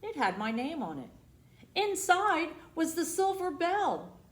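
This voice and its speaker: Her voice is very high as she reads a picture book to children at storytime, stopping now and then to ask her young audience questions or toss in asides, all with dramatic expression. Background noise is noticeable, and the room echoes.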